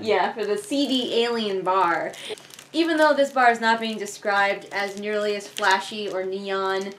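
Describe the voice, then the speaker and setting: Speaking at a measured pace in a mid-range voice, a young book reviewer reads along and rambles through sarcastic, casual remarks, swearing offhandedly. She sits indoors on her living room couch, and the camera a few feet away records noisy audio.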